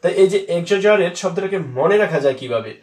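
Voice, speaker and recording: A man's voice: high voice, animated, fast, a little mellow, roomy sound, far from the mic. A man teaching English spelling to students, patiently repeating words and spelling them out letter by letter.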